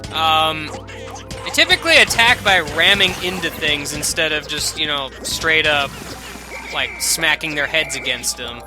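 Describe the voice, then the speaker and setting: A young man casually commenting on a video game as he plays, rambling and jokey, with sudden loud excited outbursts. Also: on the high side, a little slow, music in the background. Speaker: let's play commentator.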